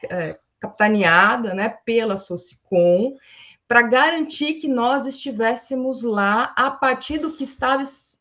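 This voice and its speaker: A Brazilian woman serving as a forum panelist in an online academic presentation explains things in a fairly high voice, frequently adding small tags that seek agreement.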